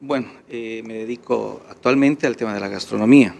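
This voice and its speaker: A man's voice: on the low side, brisk, gravelly, a little mellow. A man from Bolivia, a polite and somewhat hesitant guest on a studio program. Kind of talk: studio interview.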